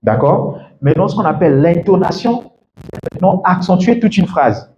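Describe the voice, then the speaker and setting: Guy teaching a pronunciation class, lively, acts out the examples, kinda high voice, roomy echo. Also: normal speed. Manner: animated, acts out example phrases, laughs often. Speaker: English coach. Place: classroom or lecture hall. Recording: echoey room, dull lo-fi sound, faint noise.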